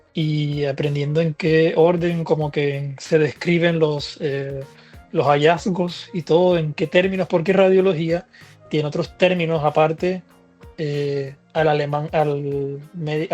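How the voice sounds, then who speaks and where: A man's voice: fairly high pitch, measured pace, soft background music. Man telling a story, lo-fi sound. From Latin America. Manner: relaxed, chatty, frequent fillers and restarts. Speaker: guest physician. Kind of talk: casual storytelling interview.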